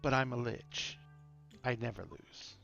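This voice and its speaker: A man playing an ancient, boastful, evil lich in a tabletop game, bargaining with deliberate, dramatic pauses. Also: medium pitch, creaky, fairly bright tone, muffled recording, faint music behind. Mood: boastful, matter-of-fact.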